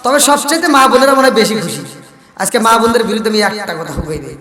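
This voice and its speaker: A man's voice: sits high, big pitch swings, rapid-fire, sharp tone. A man preaching a waz sermon at a large gathering, telling stories and calling out to the crowd for replies, sometimes breaking into sung verses. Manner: chatty storytelling, calls out to the crowd for replies. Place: large religious gathering, amplified. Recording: echoey hall, voice from far off.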